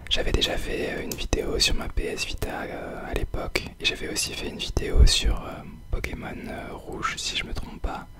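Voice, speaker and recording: A man whispers softly, very close to the ear, as he gives ASMR gameplay commentary. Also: moderate pace, few pauses. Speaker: host of an ASMR gaming video.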